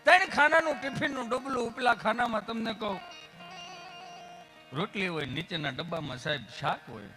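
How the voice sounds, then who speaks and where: A young man, telling folksy comic stories on stage and acting out the people in them. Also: fairly high pitch. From Gujarat, India. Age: young adult. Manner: folksy, acts out characters in his stories. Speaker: stand-up comedian at a folk stage show. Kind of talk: stage comedy storytelling.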